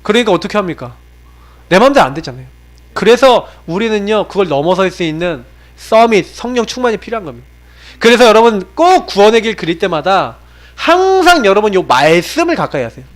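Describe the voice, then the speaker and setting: Preaching as pastor in a church sanctuary, this South Korean man moves between raised exhortation and low, intimate tones, asking his congregation many rhetorical questions. His pitch swings widely and his pace is a little fast.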